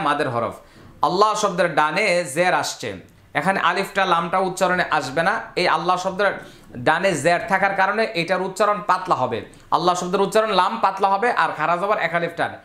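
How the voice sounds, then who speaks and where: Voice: medium pitch, fast, bright, forceful tone. Patient Quran tutor, letter-by-letter drilling, melodic recitation, roomy echo. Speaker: Quran reading teacher. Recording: echoey room.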